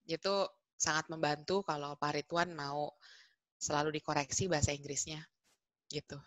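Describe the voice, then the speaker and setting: Low-voiced, chatty woman tutor. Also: moderate pace, dry recording, low-quality recording. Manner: chatty, animated, self-correcting. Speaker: English tutor. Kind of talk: webinar Q&A answers.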